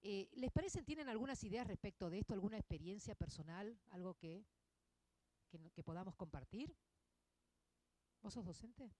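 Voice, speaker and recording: A woman in her fifties with an Argentine accent, a literature teacher giving a conversational talk to an audience, expressive and full of tag questions. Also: medium pitch, normal speed, pauses often, no echo. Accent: Argentine Spanish.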